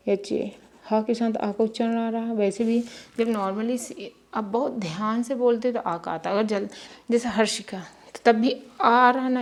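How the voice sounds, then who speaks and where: A woman teacher giving a spelling lesson, slowly spelling names out letter by letter. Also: medium pitch, dark tone.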